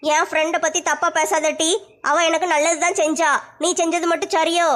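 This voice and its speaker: A woman playing a shrill scheming mother-in-law. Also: flat delivery, fairly bright tone. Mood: scolding. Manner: scolding, sly, fast-talking. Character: scheming sharp-tongued middle-aged mother-in-law. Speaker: comedy sketch actor. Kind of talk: comic family sketch acting.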